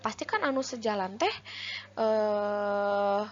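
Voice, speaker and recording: A woman's voice: medium pitch, takes it slowly, muffled recording. A woman teacher explaining a lesson step by step, asking questions and answering them herself.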